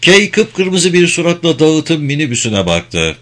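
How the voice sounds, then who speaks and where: A man's voice: fairly high pitch, big pitch swings, a little slow, a bit bright. A man reading a novel aloud as narrator, voicing all the dialogue himself. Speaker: audiobook narrator. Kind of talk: scripted narration.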